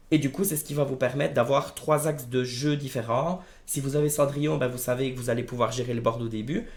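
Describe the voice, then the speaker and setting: A man with a hoarse, gravelly voice talks casually to his viewers. He sounds worn and strained in the throat, with plenty of creak, as he presents game strategy in an informal, familiar way. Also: mid-range voice. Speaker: video creator presenting card game decks. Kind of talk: casual gaming video commentary.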